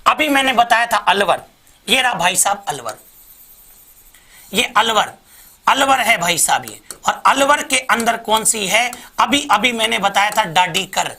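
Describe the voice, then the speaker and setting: Lively male teacher drilling mnemonics. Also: high-pitched, unhurried. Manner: lively, repetitive drilling, addresses viewers as bhai sahab. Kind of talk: online exam-prep lesson with mnemonics.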